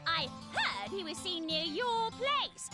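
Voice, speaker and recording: A woman's voice: very high-pitched, expressive, takes it slowly, heavily acted. A woman voicing a fretful, suspicious hobbit gossip in a hammy, theatrical stage style for a video game. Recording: game audio under loud music.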